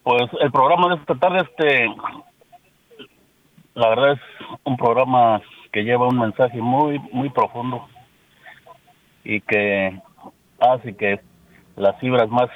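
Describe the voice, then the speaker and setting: A man with a Michoacán Mexican accent calling in to a radio show, speaking devoutly and haltingly with fillers. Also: medium pitch. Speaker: caller. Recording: muffled phone line.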